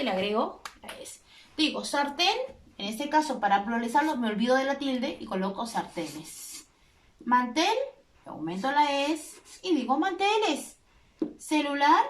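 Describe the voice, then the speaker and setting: A woman's voice: sits high, distant mic. A woman teacher giving a recorded grammar lesson, patiently checking in with her students through frequent tag questions. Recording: echoey room, speaker away from mic.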